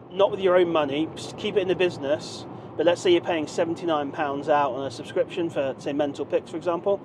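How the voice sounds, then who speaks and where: Male vlogger, 30s, chatty and rambling, filmed from the dash of a moving car with steady road noise. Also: on the high side. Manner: rambling, many fillers and restarts, gestures while talking. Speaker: vlogger, online seller. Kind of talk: casual driving vlog monologue. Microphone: dashboard camera mic. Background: road and engine noise.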